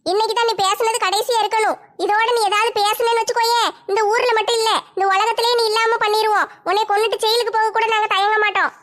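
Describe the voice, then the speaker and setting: A woman's voice: extremely high pitch, level tone, fast, hardly any pauses, fairly bright tone. Woman doing a menacing village brawler. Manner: threatening, taunting, vicious relish. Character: fierce village woman gloating over a rival. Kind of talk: one-woman comic skit.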